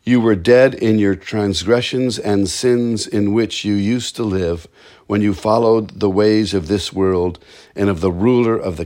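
A man preaching a sermon in an earnest, measured way, slowing down to stress key words. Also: lowish voice, a little mellow.

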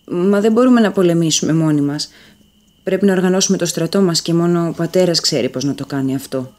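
A woman voicing a gentle young prince who speaks softly and pleads with his brother. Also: lowish voice, lightly acted. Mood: pleading. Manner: soft-spoken and pleading.

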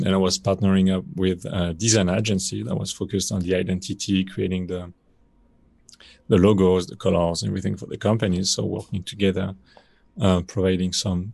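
Deep and gravelly, this Frenchman's voice comes through with no echo. In his thirties and accented, he's a guest on a podcast, loosely and meanderingly discussing his job in a casual interview, his speech packed with filler words.

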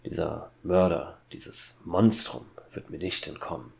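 A man's voice: low voice, expressive, a little slow, gravelly, darkish tone, heavily acted. A man voicing a stiff, formal royal huntsman in a horror fairy-tale audiobook.

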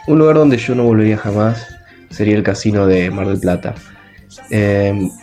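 A man's voice: fairly low pitch, vocal fry, warm tone. A man leaving an emphatic, self-mocking message for a radio show. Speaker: radio listener caller.

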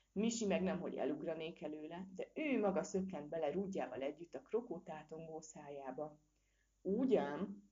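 Low-voiced woman reading a storybook. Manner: lively expressive reading. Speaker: narrator. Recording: dull lo-fi recording.

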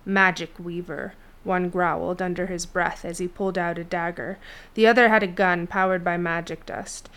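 A woman narrating a fantasy novel chapter in a steady storytelling read. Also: fairly low pitch, moderate pace, few pauses, smooth. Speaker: audiobook narrator. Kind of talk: scripted fiction narration.

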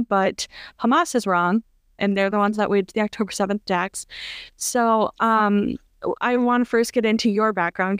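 A chatty woman hosts a casual podcast interview. Her voice is smooth and clear, set at a middling pitch, and it sounds close and dry with no room around it. She talks loosely, full of fillers. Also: no echo. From United States. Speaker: podcast host.

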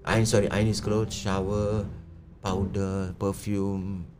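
Singaporean male, low register, opinionated casual talker, music bed of guitar. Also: flat delivery, a little slow. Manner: colloquial, opinionated, uses Singlish particles. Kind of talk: casual chat. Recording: music playing under the voice.

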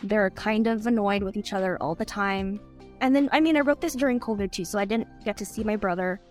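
Guesting on a podcast as an author, this Canadian woman chats in a loose, rambling way packed with "like." She talks briskly in a mid-range voice while faint music plays behind her.

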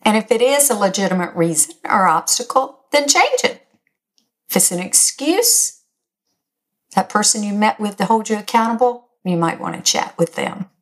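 An older woman with a raspy, slightly hoarse voice, speaking as a host in an encouraging, emphatic motivational talk straight to her listeners. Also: mid-range voice, animated, moderate pace. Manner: encouraging, direct address, emphatic. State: slightly hoarse, recovering from illness. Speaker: podcast host.

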